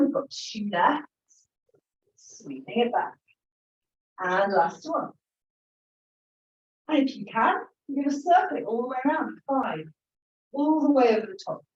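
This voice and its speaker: A woman leads a Pilates class, encouraging the group as she counts reps and cues each breath in and out. Her voice carries a roomy echo and sounds a little dull and muffled. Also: mid-range voice. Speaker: Pilates instructor. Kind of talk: guiding an exercise class.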